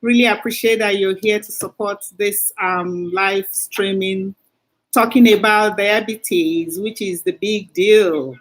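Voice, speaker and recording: Slow, effusive woman hosting a livestream. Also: medium pitch, steady tone. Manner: effusive, greets viewers by name. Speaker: livestream host. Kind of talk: casual livestream greeting.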